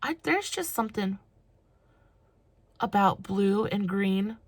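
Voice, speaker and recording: A woman's voice: mid-range voice, expressive, slow pace, no room sound. A woman about to turn thirty-one, chatting through a makeup tutorial in a gushing, casual way. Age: 30s. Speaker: makeup vlogger.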